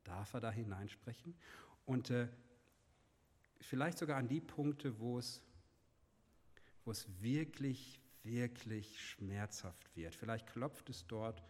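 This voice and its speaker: A man giving a sermon, asking his listeners questions and dropping to a soft, hushed voice when he speaks God's words. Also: mid-range voice, slow, pauses often, big-room sound. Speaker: preacher.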